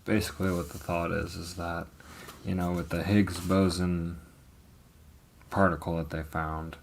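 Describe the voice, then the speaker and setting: A man in his thirties with a low, creaky voice casually tells his life story on a livestream, rambling hesitantly with frequent ums and the occasional swear word. There's slight background noise in this casual live testimony.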